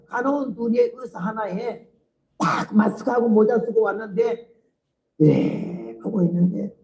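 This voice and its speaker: An older woman missionary preacher telling her life story in a sermon, animated and vivid, often laughing. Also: on the high side, echoey room, low-quality recording. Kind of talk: sermon testimony.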